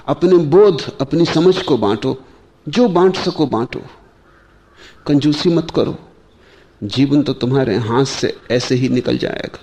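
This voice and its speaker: A man giving a slow, measured spiritual discourse, pausing often and asking his listeners rhetorical questions. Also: medium pitch, a little mellow. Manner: slow, measured delivery with long pauses. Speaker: spiritual teacher.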